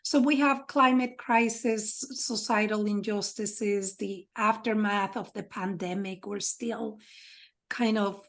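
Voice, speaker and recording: A woman interviewing a guest, speaking in a slow and reflective way with soft fillers, choked up with emotion. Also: mid-range voice, fairly even intonation. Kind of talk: conversational interview.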